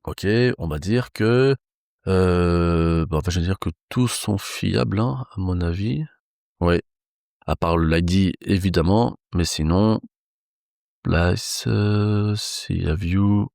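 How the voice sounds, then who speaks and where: A low, gravelly male voice, recorded close and dry, walking through code live. He thinks aloud in a relaxed, casual way, pausing on fillers as he goes. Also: no room sound. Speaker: programming instructor. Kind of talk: live coding tutorial.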